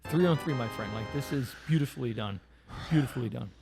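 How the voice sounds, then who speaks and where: A man with an Italian accent, for whom English is a second language, co-hosts a relaxed beer tasting as a beer reviewer. His mid-range, gravelly voice comes out haltingly, full of fillers and restarts, with music playing behind him.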